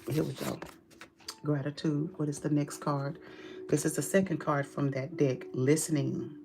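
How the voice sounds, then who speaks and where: A woman's voice: low voice, flat delivery, normal speed, creaky, background noise. A woman giving a tarot reading straight to her client, direct and emphatic, with casual swearing. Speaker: tarot reader.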